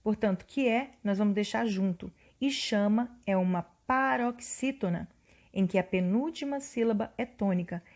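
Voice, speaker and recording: A woman teacher explaining literary genres and reciting a sonnet in a slow, measured cadence, counting syllables aloud one by one. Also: medium pitch, a little mellow. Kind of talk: recorded literature lesson.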